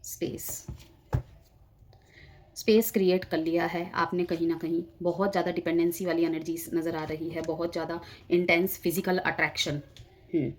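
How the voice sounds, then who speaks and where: Lower-pitched woman reading tarot. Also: flat delivery, brisk, a little hiss or hum. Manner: explanatory, addresses viewers directly, drifts between Hindi and English. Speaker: tarot reader.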